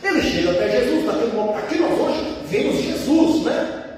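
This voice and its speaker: A man preaching a sermon with passion, calling his listeners brothers and breaking into high cries when he quotes others. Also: big pitch swings, a little fast, a little mellow, slight background noise. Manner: impassioned, rising to high cries when quoting Jesus and the father; addresses listeners as brothers, repeats words. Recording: echoey hall, voice from a distance.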